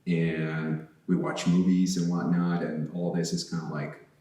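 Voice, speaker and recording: A guest artist from Chile converses casually and unhurriedly, his warm, low voice barely shifting in pitch. He stumbles through plenty of fillers and restarts, and the large, empty church sanctuary gives the sound a strong echo.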